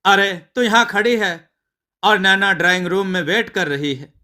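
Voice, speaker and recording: Narrator as a patient young husband, gently correcting, high and bright. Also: male voice, moderate pace.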